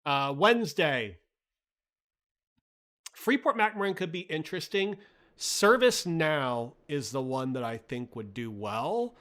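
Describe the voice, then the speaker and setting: This livestream host is a man whose voice sits on the high side, a bit bright, with lively intonation and a slow pace. Chatty and reading chat as he goes, he talks through the market bluntly and profanely, peppering everything with "like" and "right?".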